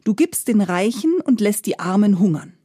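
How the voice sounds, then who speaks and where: A woman's voice: mid-range voice, big pitch swings, moderate pace, mellow, slightly rough, dry recording, studio quality. A woman voicing a poor, earnest father. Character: poor desperate father of thirteen.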